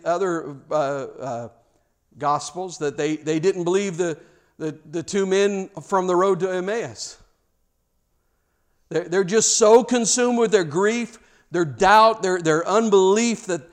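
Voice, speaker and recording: A male pastor delivering a sermon, animated, often repeating words as he restarts his sentences. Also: sits high.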